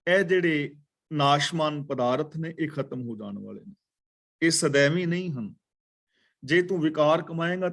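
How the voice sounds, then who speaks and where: A man in his sixties teaches scripture in a katha class, speaking at a slow, measured pace. His voice sits somewhat high for a man, and he repeats key phrases to explain them. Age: 60s. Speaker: katha preacher. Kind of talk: scripture exposition.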